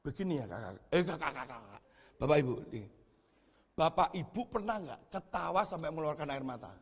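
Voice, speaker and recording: A man preaching a sermon as pastor, telling stories in a lively, animated way and laughing at his own jokes. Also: on the high side, quick pace, husky. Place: church hall. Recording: echoey church hall with long reverb.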